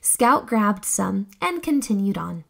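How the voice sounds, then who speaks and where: A young woman with a creaky, mid-range voice reads a storybook aloud for children, delivering it with deliberate, exclamatory expressiveness as the host.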